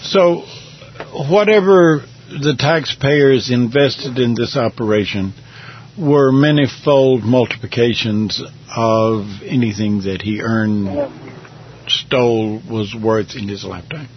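A man hosting a call-in radio talk show, halting and searching for words as he talks. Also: mid-range voice, highs cut off, a little hiss or hum. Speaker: radio host.

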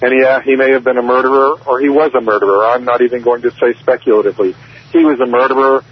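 A man's voice: mid-range voice, steady tone, fast talker, slightly rough, dull audio. A man, a professor calling in to a radio show, speaking earnestly and with feeling. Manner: earnest, impassioned, repeats words. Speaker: professor, phone guest.

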